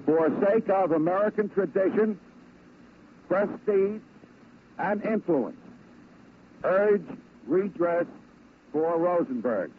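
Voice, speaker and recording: Slow, high-voiced man in old newsreel audio. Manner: slow, deliberate reading. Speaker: attorney. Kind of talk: reading a telegram aloud in old newsreel footage. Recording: tinny old newsreel audio, faint hiss.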